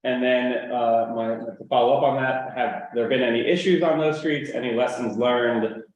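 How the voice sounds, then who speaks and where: A man's voice: mid-range voice, fairly even intonation, moderate pace, lo-fi sound. A man with a mid-range voice politely asks a presenter follow-up questions at a community board meeting. His voice rings with a strong room echo. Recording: very echoey room audio.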